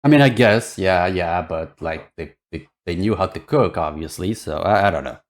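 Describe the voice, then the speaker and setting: Low-voiced man musing in casual reaction. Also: expressive, moderate pace. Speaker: streamer reacting to a video.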